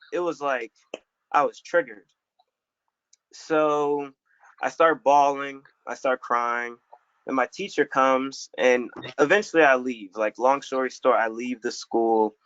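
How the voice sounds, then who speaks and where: A young adult man from Florida shares a personal story on a community panel, speaking at medium pitch with a fairly bright tone. His manner is reflective and casual, sprinkled with some slang. The recording is dry, dull, and lo-fi.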